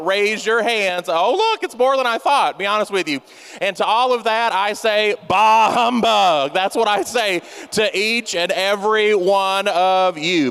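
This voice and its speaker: The voice is high, gravelly, fairly bright and clean: a male pastor in his 30s giving a lighthearted, self-deprecating sermon addressed right to the congregation. It's recorded in a church sanctuary with lengthy reverb from the hall.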